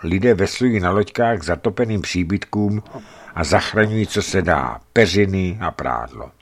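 Male narrator, very deep voice, lively intonation, measured travel storytelling, vivid emphasis. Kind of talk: scripted narration of a travel account.

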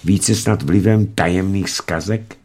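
A man's voice: low voice, a little mellow. A man reading a story aloud in an ironic, mock-solemn narrating manner. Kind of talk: audiobook reading.

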